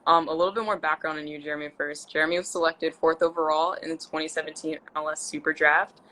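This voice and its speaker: A woman's voice: low voice, little pitch movement, quick pace, sharp tone, rough recording. A woman in her twenties from Central Maryland, hosting a casual live video interview and chatting encouragingly with her guest. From Central Maryland, USA. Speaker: host.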